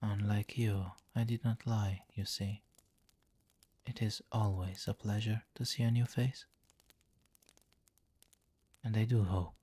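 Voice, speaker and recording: A man takes on the role of a seductive, domineering vampire king for ASMR, issuing soft, condescending commands in a coaxing, hypnotic murmur that frequently nears a whisper. His voice is on the low side with a breathy edge.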